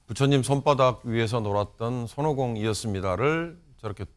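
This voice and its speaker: A man, director of a media research institute, giving measured political commentary on a panel, using idioms. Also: medium pitch. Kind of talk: studio panel discussion.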